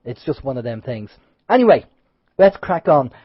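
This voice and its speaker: A slightly rough, mid-range male voice at normal speed belongs to an internet radio co-host nursing a sore throat, which leaves him a bit nasal. He chats casually and rambles, with lively starts that fade out. The sound is dull and lo-fi from a dry radio studio.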